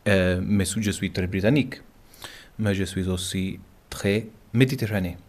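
Deep-voiced man from Gibraltar, halting French. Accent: Gibraltarian, Spanish-tinged French. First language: English. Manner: halting, searching for words, many restarts. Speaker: interviewee. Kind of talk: interview answers in a second language. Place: at home.

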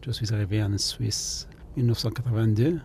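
A man from Palestine, answering interview questions slowly and haltingly in his living room. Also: lowish voice, steady tone, darkish tone, slight background noise. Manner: halting, searching for words. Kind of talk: radio interview.

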